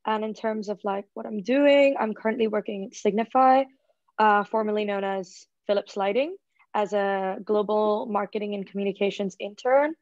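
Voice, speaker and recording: A woman's voice: medium pitch, normal speed, darkish tone, no echo. A woman of twenty-one from Singapore, a student presenter chatting casually about her courses on a video call, full of likes and ums. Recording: dull, lo-fi video call audio.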